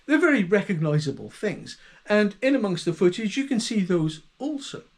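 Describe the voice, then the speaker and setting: A man with a voice pitched higher than most men's talks to camera as the host of his own channel. His delivery is a musing, speculative monologue, stopping now and then to correct himself mid-thought. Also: big pitch swings, normal speed. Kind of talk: solo video monologue.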